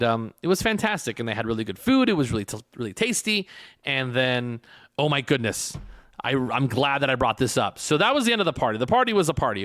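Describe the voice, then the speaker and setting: A man hosting a casual podcast, telling stories in a rambling, excitable way with lots of restarts. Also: mid-range voice, dry recording, clean studio sound. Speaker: podcast host.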